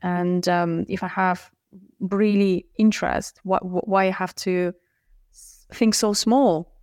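A woman's voice: on the low side, steady tone, slow, darkish tone, smooth, dry recording, studio quality. A woman hosting a podcast interview, speaking hesitantly with stumbles and restarts. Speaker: podcast host. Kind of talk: interview conversation.

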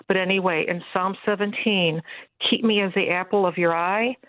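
A woman calling a radio show, softly reading verses aloud and explaining them. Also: on the low side, fairly even intonation, normal speed, no room sound. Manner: soft, reading scripture aloud. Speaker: caller. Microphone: telephone. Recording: tinny phone line, dry.

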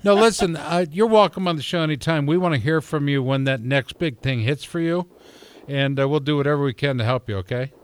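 A man's voice: on the high side, a little fast, smooth. Joking male radio host. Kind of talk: casual radio interview.

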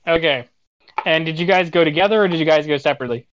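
A man's voice: on the high side, fast talker, dry recording, dull audio. A man acting as game master, casually asking players for checks and describing events. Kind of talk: running a tabletop game.

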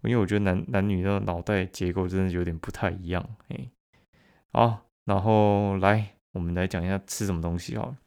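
A man with a Taiwanese Mandarin accent talks casually on his solo podcast. His voice sits very low and deep. He is blunt and full of swearing, and he laughs at his own stories. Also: fairly even intonation, brisk, gravelly, clear, resonant tone. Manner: bursts louder and higher when mimicking others. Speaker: podcast host.

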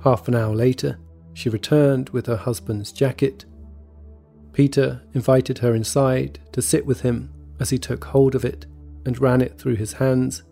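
Gravelly, mellow-voiced male storyteller. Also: medium pitch. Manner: measured, even storytelling delivery. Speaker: podcast narrator. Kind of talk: scripted true-story narration. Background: faint background music.

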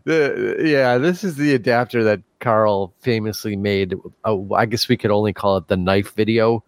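A podcast host with a fairly low voice chats casually at a moderate pace, telling stories with frequent laughs and plenty of fillers. There's no room sound in the recording.

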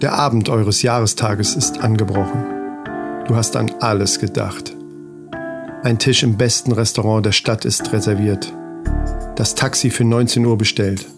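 Guy doing scripted comedy narration, mock-dramatic, clear music bed behind. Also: on the low side, steady tone, normal speed. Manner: addresses the listener as you, mock-dramatic.

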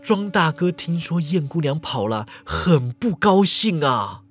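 A man's voice: a little high, sing-song, measured pace, soft background music. A man voicing a nervous young constable in a storytelling podcast, in a near-natural voice. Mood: anxious. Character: anxious young male constable.

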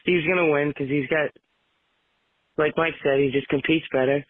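A man's voicemail plays back, thin and phone-like, with a dry, close sound. His voice sits a bit high for a man. He rambles and hedges in a casual tone, then signs off in a boastful way. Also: steady tone, normal speed, dry recording. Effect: voicemail played over a phone line. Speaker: caller leaving a voicemail.

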